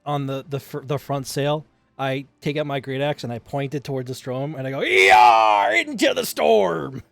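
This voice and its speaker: A man's voice: mid-range voice, flat delivery, brisk, a little mellow, faint music behind. A man talking casually as a player in a tabletop game, hesitant and full of fillers. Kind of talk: casual chat.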